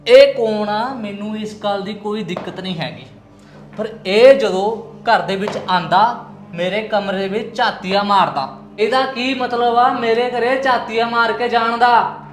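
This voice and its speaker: A man's voice: sits high, a little slow. A man playing a drunk, confrontational male tenant in a family drama, accusing and aggressive. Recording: echoey room, faint music.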